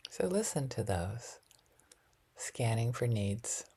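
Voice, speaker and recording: A woman teaching a loving-kindness meditation in a soft, often half-whispered, gentle and reflective way, with light laughs at herself. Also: extremely low pitch, sing-song, slow, slightly rough.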